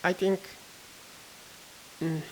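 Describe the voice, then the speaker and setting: A woman with a darkish tone is making a casual vlog testing microphones in an indoor room, a condenser among the lineup. She talks tentatively, full of fillers, and reads haltingly from a book. Audio quality is poor, with a little hiss or hum.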